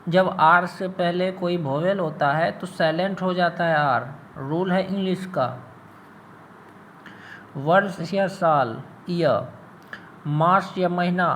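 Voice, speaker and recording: A man's voice: on the high side, fairly bright tone, a little hiss or hum. A man teaching English pronunciation in Hindi, drawing out and repeating each word with teasing asides. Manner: slow, drawn-out words, repeats terms for learners, teasing asides.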